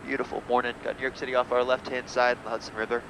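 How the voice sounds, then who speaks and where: A man flying as pilot, speaking through a cockpit headset mic and giving brisk procedural checklist callouts and radio calls. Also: medium pitch, level tone. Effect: pilot talking over a cockpit headset mic. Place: small jet cockpit in flight. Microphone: aviation headset. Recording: loud engine noise in cockpit.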